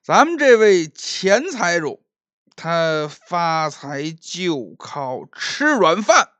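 A man voicing a drunk, mocking young gentleman who taunts an old classmate and stammers as he talks. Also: a little high, big pitch swings, extremely slow, smooth, dry recording, heavily acted. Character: drunk, sneering young male gentleman bully.

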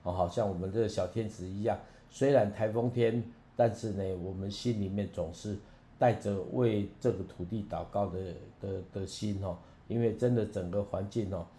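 A man, a minister speaking in a slow prayerful, sermon-like way with soft drawn-out particles. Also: on the low side, fairly even intonation. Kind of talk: prayerful talk. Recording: roomy with faint hum.

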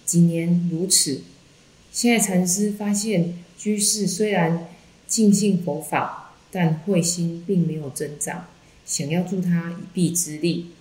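A woman Buddhist teacher calmly reading a Buddhist text aloud in a measured way, in an echoey room. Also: fairly low pitch.

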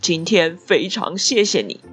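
A woman's voice: fairly low pitch, big pitch swings, a little slow, fairly bright tone, soft background music. Woman playing a haughty storybook lion. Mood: apologetic. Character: big proud male lion, gruff then humbled. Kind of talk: bedtime storybook voice.

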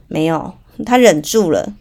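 A woman's voice: low voice, animated, a little slow, a little mellow. A woman hosting a parenting podcast, telling a story in a chatty way with lots of fillers, speaking with a Taiwanese Mandarin accent. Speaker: podcast host.

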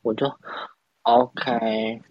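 A man's voice: medium pitch, level tone, very slow, no echo, muffled recording. A young man from Taiwan, telling a rambling, self-mocking story in a casual podcast chat. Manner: rambling, self-mocking, many restarts and laughs. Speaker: podcast host.

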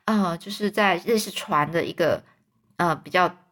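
A woman reads a children's storybook aloud in a gentle, plain voice. She often stops to explain words in simple terms for young listeners. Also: fairly low pitch, moderate pace. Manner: gentle, with fillers and restarts. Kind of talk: reading a children's book aloud.

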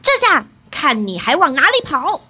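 A woman voicing a brash, fearless young man who talks loudly and cockily in a fairy tale. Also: high-pitched, wildly swooping pitch, moderate pace, full character voice. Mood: cocky. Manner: loud, cocky shouting.

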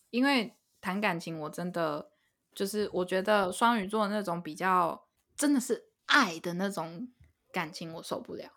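Chatty woman host. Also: on the low side. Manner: chatty, expressive, quick to laugh. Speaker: podcast host. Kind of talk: casual chat.

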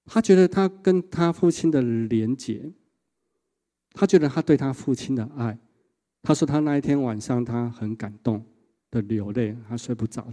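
A male pastor, preaching a sermon and telling stories in an animated way, often tagging sentences with a short "ha". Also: medium pitch. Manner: animated storytelling with a frequent 哈 tag.

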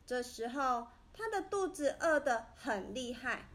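A woman narrating a children's story in a gentle, expressive way. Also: high voice, a little slow.

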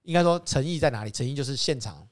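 A man with a Taiwanese Mandarin accent, a used car dealer telling stories in an animated, casual chat. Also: rapid-fire. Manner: animated, acts out customers and his father with rising pitch and laughter.

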